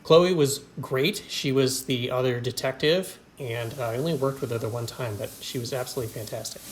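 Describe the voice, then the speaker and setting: A man's voice: medium pitch, a little fast, noisy background. A filmmaker hosting his own show, casually narrating behind-the-scenes clips in an easygoing, chatty way. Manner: easygoing, chatty, with small laughs and fillers.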